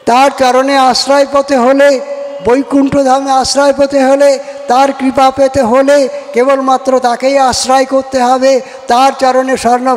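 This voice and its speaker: A man's voice: very high voice, big-room sound. A man from giving a devotional scripture discourse, posing rhetorical questions and answering them, repeating his phrases. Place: outdoor kirtan ground with PA.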